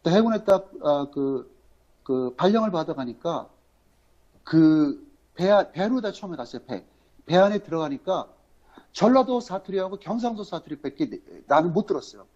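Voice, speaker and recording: A man from Incheon hosting a political livestream, talking in a rambling, halting way full of fillers and emphatic rhetorical questions. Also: a little high, animated, a little mellow. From Incheon, South Korea. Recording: dull lo-fi audio.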